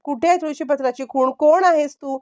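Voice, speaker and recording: A woman's voice: high-pitched, a little fast, darkish tone, dull audio, voice pushed up, natural voice. A furious young husband who accuses his wife and demands the truth, as a woman narrator reads his lines. The lines are read firmly and insistently in this storybook-style retelling. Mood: angry.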